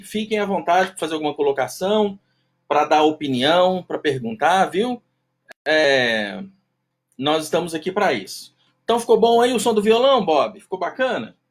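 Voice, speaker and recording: A man with a nasal, duck-like voice hosting a live-stream class in a casual, chatty way, greeting viewers by name. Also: fairly high pitch. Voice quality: nasal, self-described duck-like voice. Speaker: live-stream host teaching self-knowledge.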